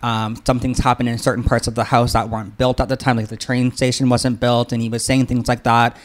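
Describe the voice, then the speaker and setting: A man's voice: medium pitch, flat delivery, fairly quick. A man with a lisp and slushy, whistling s sounds, talking casually and earnestly as a podcast co-host. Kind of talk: casual, rambling discussion.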